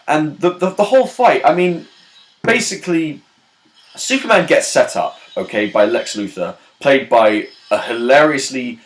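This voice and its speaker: A man's voice: medium pitch, a bit bright. Blunt man ranting about a film. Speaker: film reviewer. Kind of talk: casual film review rant.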